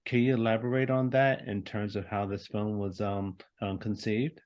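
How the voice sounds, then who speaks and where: Moderator, man, low voice, hesitant, filler-heavy questions. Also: flat delivery, darkish tone. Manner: halting questions with many fillers. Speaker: festival moderator.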